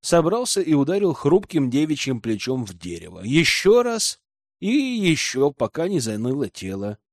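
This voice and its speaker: A male audiobook narrator with a slightly high voice and a very lively, rising and falling delivery. He reads in the first person with a wry edge, recorded dry and close with no room sound. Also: moderate pace, no echo.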